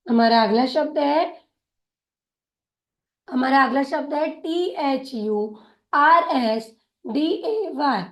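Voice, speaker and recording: Woman, phonics teacher, unhurried delivery, says each word twice. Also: sits high, lively intonation, echoey room. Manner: slow, patient, repeats each word twice. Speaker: English teacher. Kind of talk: phonics lesson, spelling out and sounding words.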